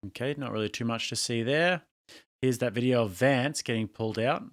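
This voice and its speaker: An Australian man hosts a casual reaction commentary channel, speaking at a medium pitch and a fairly quick pace. He is blunt and mocking, laughing at what he watches.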